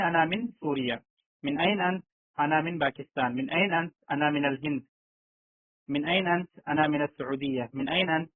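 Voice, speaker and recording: A man's voice: fairly high pitch, dry recording. A man teaching an online language lesson, explaining step by step and often checking that students understand. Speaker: Arabic teacher. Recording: tinny online call audio, dry.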